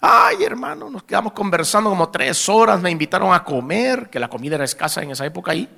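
A man with a Salvadoran accent preaching a testimony sermon, telling a story in lively fashion and addressing the congregation as brothers. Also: sits high, fast talker, creaky.

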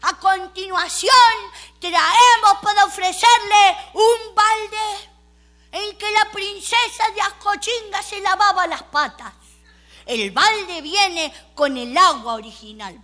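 A woman voicing a pompous male auctioneer who speaks slowly and grandly. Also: very high voice, pushed and bright, soft background music, voice pushed up, exaggerated voice. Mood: grandiose. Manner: slow and grandiose.

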